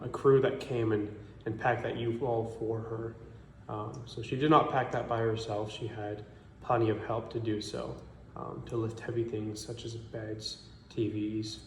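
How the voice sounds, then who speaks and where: A man's voice: on the low side, a little hiss or hum. Hesitant young man, echoey room. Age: 20s. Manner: hesitant, many ums. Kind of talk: direct-to-camera statement.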